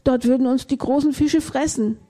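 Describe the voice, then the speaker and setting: A woman's voice: high-pitched, normal speed, dark tone. A woman reading a storybook aloud and voicing a school of timid little red fish who answer fearfully. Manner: fearful, hesitant.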